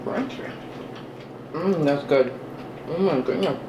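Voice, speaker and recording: An unhurried vlogger chats in a self-deprecating way while eating, with chewing sounds and hums between remarks. The voice sits at a middle pitch. The recording is roomy, with faint ambient noise behind it. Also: lo-fi sound. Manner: eats while talking, with chewing and mm-hmm sounds. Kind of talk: casual eating vlog chat.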